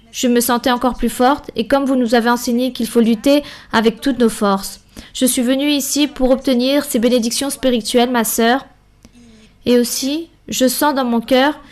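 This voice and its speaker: A woman with a slightly high voice gives a French voice-over for a Bible study and a church member's testimony. She talks in short, earnest, measured phrases.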